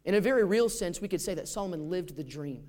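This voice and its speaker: Male pastor, high-pitched, conversational sermon delivery with rhetorical questions. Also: lively intonation, quick pace, a little mellow.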